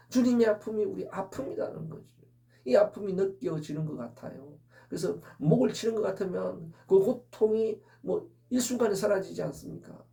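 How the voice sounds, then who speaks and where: A man's voice: high-pitched, creaky, warm tone, far from the mic. A man preaching an Easter sermon as pastor, earnest and full of rhetorical questions.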